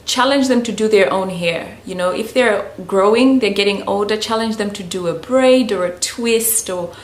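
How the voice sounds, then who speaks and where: A woman's voice: medium pitch, moderate pace. A woman from Zambia, giving casual hair-care advice to camera in a chatty, loose way, often saying "you know". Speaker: natural hair vlogger. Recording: echoey room, faint background ambience.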